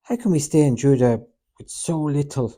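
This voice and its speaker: A nervous, whiny male disciple who pleads and wails in a raised, pinched pitch, as a man puts him on. The tone stays mellow and low-toned at heart, read aloud from a storybook. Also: moderate pace, lightly acted. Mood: anxious. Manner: pleading, wailing. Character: Judas, anxious male disciple, defensive and whiny. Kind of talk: audiobook reading.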